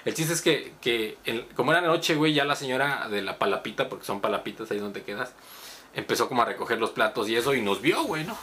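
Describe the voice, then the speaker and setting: Brief: middle-aged Mexican man, podcast host, lively storyteller, bright tone, faint background hiss. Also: medium pitch, fast. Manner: animated, laughing, swears often. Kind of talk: casual storytelling chat.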